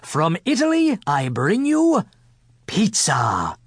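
A man's voice: a little high, very animated, slow pace, no echo, studio quality, exaggerated voice. A man voicing an anxious, devoted royal cook in a storybook, earnest and pleading. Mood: proud.

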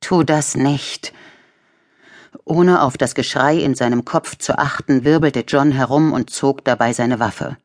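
A woman narrating a thriller audiobook in measured, tense storytelling. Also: a bass voice. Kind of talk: scripted narration.

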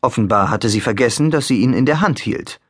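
A man narrating a youth fantasy audiobook in an expressive storytelling manner. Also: medium pitch, fairly quick, no room sound, studio quality. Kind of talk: scripted narration.

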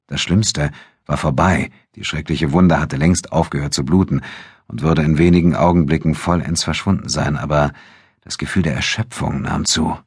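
A male audiobook narrator reading in a measured, steady way. His voice is extremely deep and gravelly, with a husky, breathy edge. The close studio sound is completely dry. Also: no room sound. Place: recording studio. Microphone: close studio microphone.

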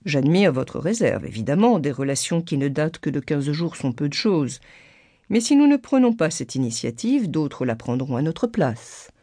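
A woman reading an audiobook, voicing a dry, sarcastic middle-aged husband who teases calmly and ironically. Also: low voice, normal speed, dry recording. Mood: teasing. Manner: calm, teasing, ironic.

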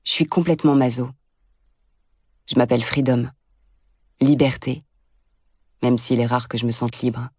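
A woman's voice: rumbling low, fairly even intonation, a little slow, pauses often, darkish tone, husky, dry recording, studio quality. A woman reading an audiobook as a blunt, sardonic first-person narrator.

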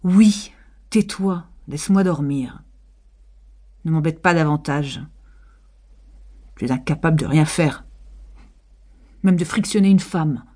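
A woman voicing a sharp-tongued, scornful middle-aged wife in a storybook reading, with a husky voice and a raised, sarcastic tone. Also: deep voice, slow, pauses often.

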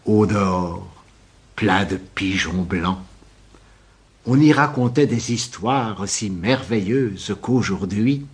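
An older man recites his own poems with great slowness, lingering on each line in a measured, lilting rhythm. His voice is husky and sits fairly low. He gives every verse a gentle, deliberate weight. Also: expressive. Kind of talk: poetry recitation.

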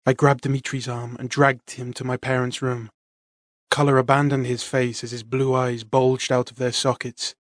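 A man narrating a first-person fantasy audiobook in a measured, dramatic read. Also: medium pitch, level tone, dry recording, studio quality.

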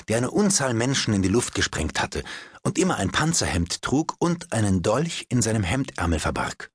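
A man's voice: lowish voice, a bit bright, husky, dry recording, studio quality, heavily acted. Man doing a gushing society hostess. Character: witty chattering society hostess, woman. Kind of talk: audiobook character voice.

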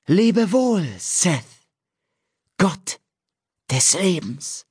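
An otherworldly male nymph seer intones a prophecy in a raised, drawn-out chant, as a man puts him on for an audiobook. Each phrase stretches slowly and rises well above a normal speaking voice. The sound is close and dry. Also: big pitch swings, darkish tone, slightly rough, no room sound, exaggerated voice. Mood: solemn. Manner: slow, high, drawn-out incantation. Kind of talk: audiobook character voice.

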